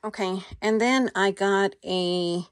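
A middle-aged woman with an American accent speaks slowly at a medium pitch, casually showing viewers a haul and trying on pieces in an unscripted fashion vlog. She's in a small indoor walk-in closet using a handheld phone, and the studio-quality audio has no echo.

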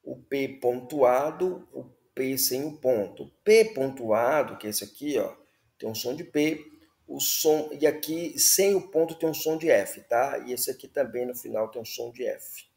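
A man's voice: mid-range voice, a little slow, creaky, a little mellow, roomy sound. A man teaching the Hebrew alphabet, patiently repeating words and checking in with listeners. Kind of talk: slow classroom explanation.

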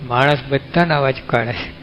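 This monk talks in a mid-range, fairly bright voice at normal speed, his Gujarati accent clear as he gives a homely, chatty sermon. He keeps turning to the audience with questions. Faint music plays behind a dull, lo-fi recording.

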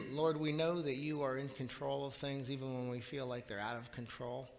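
A middle-aged man leading a spoken church prayer in a small sanctuary, earnest and halting, repeating words as he goes. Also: mid-range voice, fairly even intonation, fairly bright tone. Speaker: pastor. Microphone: far camera at the back of the church. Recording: reverberant church hall, faint room hiss.

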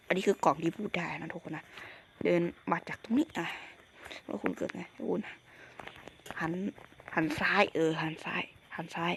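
A man's voice: high-pitched, a bit bright, a little hiss or hum. A man giving a casual game walkthrough, rambling and jokey, often dropping to a whisper. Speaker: game channel host.

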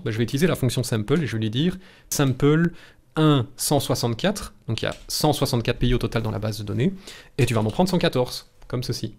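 Speaking with a creaky, slightly mellow mid-range voice, this Belgian French-accented man in his thirties walks through statistics step by step in a live tutorial. He's close to the mic indoors in a small home room, and his manner is chatty, reassuring, bluntly casual, and full of jokes.

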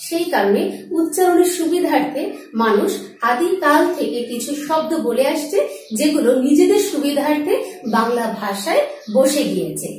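A woman with a high voice teaches at a board, step by step, asking questions and then answering them herself. The room echoes strongly and her voice sits back from the mic. Her delivery is patient and classroom-like. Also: lively intonation, normal speed, a little mellow, distant mic. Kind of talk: board lesson on Bengali pronunciation.

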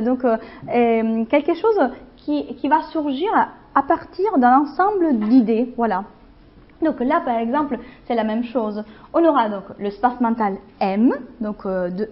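A woman explaining linguistics concepts in a university class, hesitant, with many fillers, and stopping to check whether her listeners follow. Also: fairly high pitch. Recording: dull lo-fi classroom recording.

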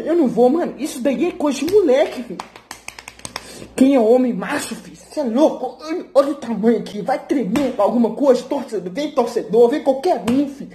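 A man's voice: very high voice, mellow, slight background noise. A young man, an athlete vlogger, giving a brash, profane, slang-filled motivational rant and boasting about himself.

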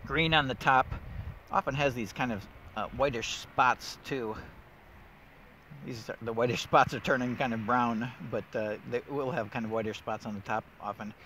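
This middle-aged woodland steward leads a relaxed guided walk through wintry woods, eagerly musing aloud and leaning on lots of filler words. He speaks at a normal speed in a medium-pitched, bright, forceful voice, with slight noise in the background.

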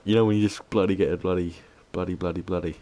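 A man streaming a game, bantering with viewers in a hushed voice and swearing freely. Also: sits low, fairly even intonation, fast. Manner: laid-back banter, heavy swearing; keeps voice down, hushed. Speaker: gaming streamer. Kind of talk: casual live-stream commentary.

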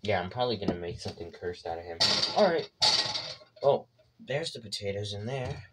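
A man with a fairly low voice hosts a casual cooking vlog. He keeps up joking, self-mocking asides as he works. Loud noise runs under the whole recording. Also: fairly quick. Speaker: cooking vlogger.

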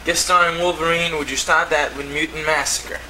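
A man with a highish voice, steady in tone, fairly quick, bright and forceful, plays TV presenter while displaying his comic collection. The footage is old VHS home video shot indoors at home; the camcorder mic was across the room, so the audio is distant and hissy.

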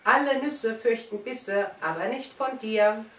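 A woman's voice: fairly high pitch, unhurried, fairly bright tone, pitched above the performer's own voice. A woman voicing a gang of mocking nuts chanting a sing-song taunt in a storybook reading. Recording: roomy, distant mic.

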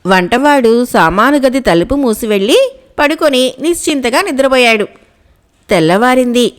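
A woman narrating a children's folk tale, reading steadily and clearly. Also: on the high side, animated, normal speed. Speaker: storyteller.

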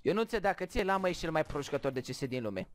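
A man's voice: on the high side, sing-song, dry recording. A man chatting and joking with friends while playing an online shooter, often chanting words over and over. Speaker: gaming youtuber. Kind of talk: casual gaming chat with friends.

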